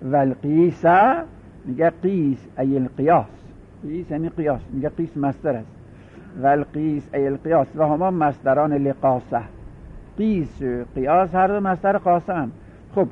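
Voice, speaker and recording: A man teaching a classroom grammar lecture, methodically repeating and spelling out word patterns. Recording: tinny phone-like audio with faint rumble.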